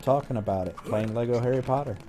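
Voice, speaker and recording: A man's voice: medium pitch, fast talker. Young guy hosting a gaming podcast, laid back, lots of ums, game music playing behind. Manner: relaxed, hesitant storytelling with fillers. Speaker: podcast host. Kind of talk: casual gaming podcast chat.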